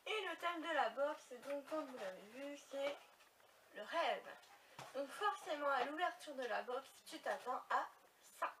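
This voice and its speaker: A woman's voice: sits high, expressive, measured pace, a bit bright. A young woman chatting casually to her viewers while unboxing, with lots of fillers and little asides. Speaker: beauty vlogger. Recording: slightly distant mic with faint noise.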